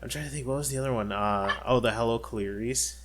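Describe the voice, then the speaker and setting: A man's voice: medium pitch, quick pace, heavy background noise. A man co-hosting a podcast in casual chat, rambling with many fillers and restarts. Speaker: podcast co-host.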